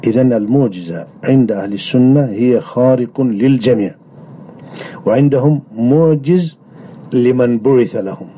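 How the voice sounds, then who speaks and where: A man delivering a religious lecture on creed in a measured way, often pausing on drawn-out hesitation sounds. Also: medium pitch, dark tone. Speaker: religious teacher. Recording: dull lo-fi recording.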